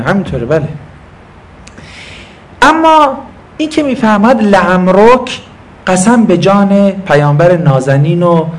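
A man giving a classroom lecture on scripture, patiently explaining terms and asking and answering his own questions while talking to students. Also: high voice. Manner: talks to students present. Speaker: religious teacher.

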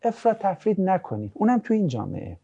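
A man's voice: high voice, vocal fry, breathy edge, highs cut off. A man teaching a religious ethics class, lecturing casually and acting out anecdotes with jokes. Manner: lively, jokey, acts out anecdotes.

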